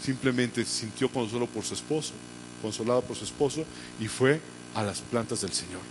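A man preaching a sermon as pastor, fervent and swinging from hushed to loud. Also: medium pitch, normal speed, noisy background.

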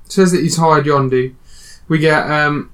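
A man casually recapping a film with friends as podcast host, relaxed and rambling. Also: fairly high pitch, measured pace, poor audio. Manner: relaxed, recapping scenes with many "um"s.

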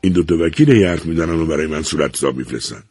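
Desperate middle-aged son, pleading, self-pitying, as a male reader does him, low husky voice, audiobook. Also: mellow, no room sound, clean studio sound, full character voice.

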